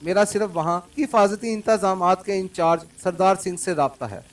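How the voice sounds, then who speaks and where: A man's voice: high-pitched, a little fast, far from the mic, close to an everyday voice. A man voicing a defiant young woman spy boss. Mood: sulky. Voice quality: pleading, then sulky and sharp. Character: distressed young woman gang leader, defiant. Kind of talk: audiobook character reading.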